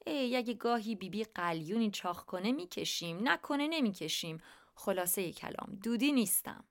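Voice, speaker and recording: A courteous, humble husband greets a guest with polite, measured words, as a woman reads his part. The voice stays close to the reader's own, in a middle pitch. It belongs in a read-aloud storybook. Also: expressive, natural voice. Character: polite, deferential man of the house. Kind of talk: storybook reading.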